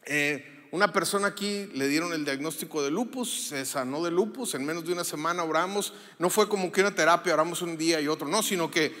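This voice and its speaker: A man's voice: a little high, brisk, hardly any pauses, pushed and bright. A man, a pastor giving a chatty, story-filled sermon with lots of fillers and asides to the audience in a church auditorium. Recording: long hall reverb.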